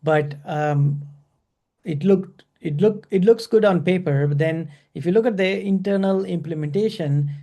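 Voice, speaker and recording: A man's voice: on the high side, gravelly, mellow. A man teaching a class over a video call, talking loosely with many fillers and restarts. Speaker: instructor. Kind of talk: online class lecture.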